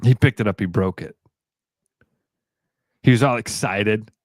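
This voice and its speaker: A man co-hosting a radio show, chatting casually about sports with quick asides and laughs. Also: fairly low pitch, no room sound, clean studio sound. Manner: animated, quick asides, laughs while talking.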